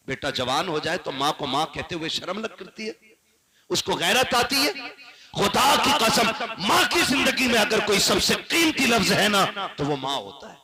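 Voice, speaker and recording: Indian urdu accent preacher guy, high voice, goes from hushed to crying out, big noisy crowd around. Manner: swells between hushed storytelling and loud impassioned cries. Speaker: Islamic preacher. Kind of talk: emotional sermon storytelling.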